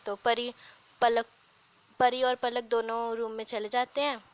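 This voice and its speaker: Young female storyteller, slightly high, bright tone, does all the character voices herself. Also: flat delivery, measured pace, dull audio, a little hiss or hum. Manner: narrates and voices all characters in the same voice, with restarts. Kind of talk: casual spoken storytelling.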